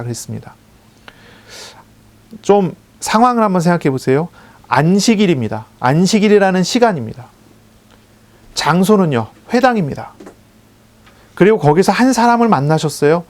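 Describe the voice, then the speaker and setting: A man preaching a sermon as a pastor, measured and explanatory, repeating key phrases for emphasis and asking questions he answers himself. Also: a little high, a little mellow. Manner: asks the congregation questions and answers them himself.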